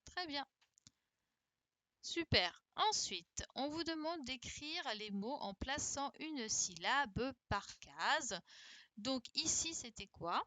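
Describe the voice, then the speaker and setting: A woman's voice: sits high, animated, slow, bright, forceful tone. A woman teaching a young class over a video call, correcting worksheets and coaxing pupils to answer by repeating her questions. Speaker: primary school teacher. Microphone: computer mic on a video call.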